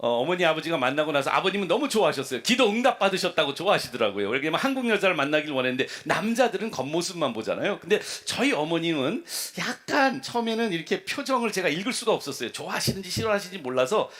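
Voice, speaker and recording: An older man preaching at a revival, his voice sitting a touch high for a man. He tells personal stories with animation, acting out the other voices and dropping in English phrases. He grew up in South Korea and speaks as a pastor to his congregation. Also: fast talker, few pauses. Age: 50s or 60s. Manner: animated storyteller acting out dialogue, mixing in English.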